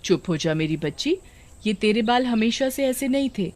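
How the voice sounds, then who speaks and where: Casting: a tender middle-aged village mother, as a woman puts her on, storybook, fairly high voice. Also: animated, moderate pace, a little mellow, lightly acted. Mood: soothing.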